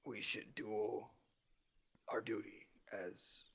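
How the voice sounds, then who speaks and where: A man voicing a dutiful, cautious minotaur adventurer in a slow, halting, earnest manner. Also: on the low side, fairly even intonation, creaky, fairly bright tone, husky, dry recording, full character voice. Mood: earnest, resolute.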